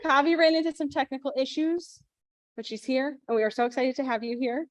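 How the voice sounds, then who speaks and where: A woman moderates a panel, putting questions to the guests in a brisk way. Her voice sits fairly high and sounds dry and close, with little room around it. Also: steady tone, dry recording.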